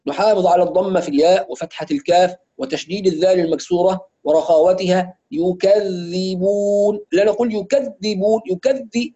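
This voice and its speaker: High-pitched Egyptian tajweed teacher, dull audio. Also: male voice, fairly even intonation, warm tone. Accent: Egyptian Arabic. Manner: demonstrates slow drawn-out recitation examples between explanations. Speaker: Quran recitation teacher. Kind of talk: online tajweed lesson.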